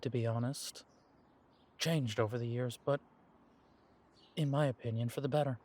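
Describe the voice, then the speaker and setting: In this audio roleplay, a man plays a laid-back young werewolf who addresses the listener directly. His pitch is middling, and he comes across as relaxed and reminiscent, often letting out soft chuckles.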